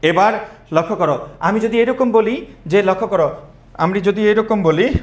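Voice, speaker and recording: A young man teaching an online admission class, energetic and quizzing students with repeated questions. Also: sits high, moderate pace, echoey room.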